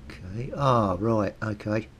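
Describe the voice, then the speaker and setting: In a slow, husky voice, this British man mutters to himself as he works, giving relaxed how-to commentary and thinking out loud like the hobbyist video host he is. A constant low rumble sits in the background.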